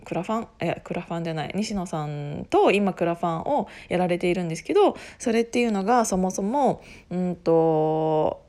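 A woman with a husky, hoarse voice chatting casually on her own, rambling and often interrupting herself in a self-deprecating way. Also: lowish voice, expressive, a little fast, few pauses, warm tone. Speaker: podcast host making an announcement. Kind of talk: casual solo chat.

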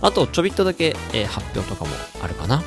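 A man hosting a radio-style English lesson, lively, demonstrating English sounds slowly and clearly. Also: medium pitch, music in the background. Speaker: English pronunciation teacher and show host.

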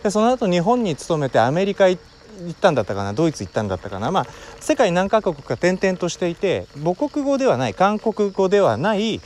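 A man from Wakayama hosting his own talk show at his family home, explaining in an unhurried way as he thinks aloud. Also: high-pitched, big pitch swings, darkish tone, slight background noise. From Wakayama, Japan. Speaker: podcast host. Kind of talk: casual solo talk.

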